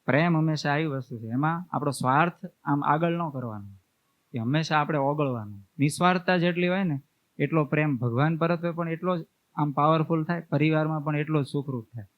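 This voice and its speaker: A man's voice: fairly high pitch, fairly quick, no echo. A man, a swami telling homely family stories in a sermon and acting out what relatives say. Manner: homely storytelling, acts out family members' words. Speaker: swami preacher. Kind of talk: storytelling sermon. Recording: tinny, phone-like dry sound.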